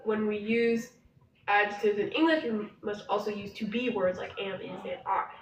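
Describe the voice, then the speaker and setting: A woman's voice: mid-range voice, fairly even intonation, moderate pace, a crowd in the background. A woman co-hosting a casual live study session, reading her notes aloud and laughing off her slips. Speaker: co-host studying Korean. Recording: roomy, distant, dull and slightly noisy.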